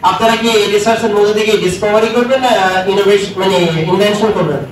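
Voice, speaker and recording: A man's voice: high-pitched, steady tone, fast. A man lecturing a university class who keeps asking his students questions and mixes in English terms. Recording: echoey room, distant mic, noisy.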